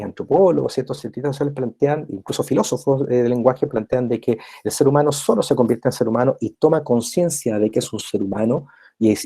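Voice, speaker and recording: A man's voice: mid-range voice, creaky, mellow, husky. A man giving a recorded university lecture, explaining step by step and often checking in with his listeners. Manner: constant tag checks with listeners; explanatory, repeats and rephrases points.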